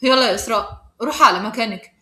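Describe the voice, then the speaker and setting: A woman with an Egyptian accent voicing a protective teenage schoolboy who talks in a calm, firm way. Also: a little high, rapid-fire, reverberant. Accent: Egyptian Arabic.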